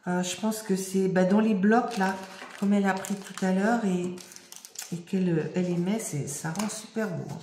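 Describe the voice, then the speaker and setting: A woman chatting casually as she unboxes craft mail, her voice slightly hoarse and often dropping to a murmur. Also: medium pitch, fairly even intonation, moderate pace. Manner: soft-spoken, often murmuring to herself. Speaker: crafting vlogger. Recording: echoey room, faint noise.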